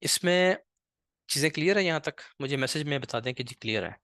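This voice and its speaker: A man teaching a live online trading class, patient and slow on purpose, often checking in with "ठीक है". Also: a little high, expressive, fairly bright tone, no echo, clean studio sound. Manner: speaks slowly on purpose.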